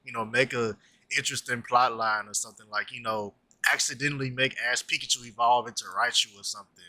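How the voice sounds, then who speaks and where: A man's voice: mid-range voice, fast, no room sound. A man in his twenties chatting casually about cartoons, rambling with lots of filler words. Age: 20s. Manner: animated, rambling with many "like" fillers. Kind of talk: casual chat.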